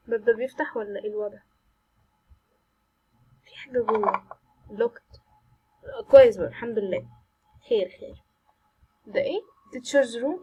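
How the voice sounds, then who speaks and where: A woman with an Egyptian Arabic accent narrates a horror game as she plays, reacting aloud to every scare. Her voice sits a touch high and has a husky edge. She slips English words into her chatty, jumpy commentary. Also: a little mellow, poor audio. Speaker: gaming channel host.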